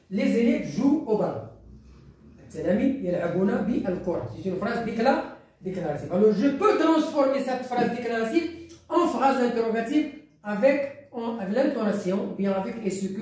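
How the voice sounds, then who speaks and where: A woman's voice: mid-range voice, darkish tone. A woman teacher with a Moroccan accent giving a grammar lesson, repeating key phrases and explaining each point again in Arabic. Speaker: primary school teacher. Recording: very echoey classroom, voice far from mic.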